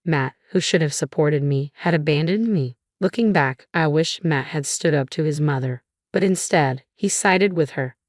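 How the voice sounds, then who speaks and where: A woman reading a first-person family drama story in an even, measured way. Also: sits low, no echo, studio quality. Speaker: narrator.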